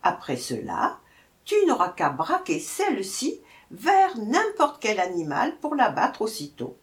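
A woman voicing a kindly old woman who gently reassures a frightened goat in a storybook tale. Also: medium pitch, wildly swooping pitch, unhurried. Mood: reassuring. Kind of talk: storybook reading.

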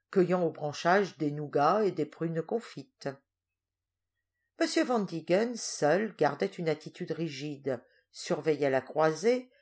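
A woman reads a novel aloud with a lower, grounded voice, lively and expressive in her storytelling. Her narration rises and leans into the drama of each scene. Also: breathy edge.

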